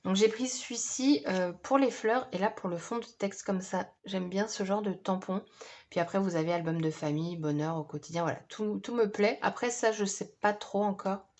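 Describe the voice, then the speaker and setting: A woman's voice: mid-range voice, normal speed, darkish tone. A woman chatting casually through a scrapbooking haul, hesitant and full of fillers. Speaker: scrapbooking vlogger.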